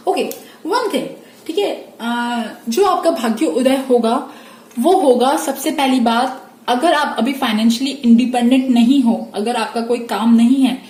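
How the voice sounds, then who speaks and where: A woman's voice: a little high, unhurried, roomy sound. A woman giving a pick-a-card tarot reading, reassuring her viewers and often checking in with them. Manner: warm reassuring, mixes English phrases, frequent "theek hai" check-ins.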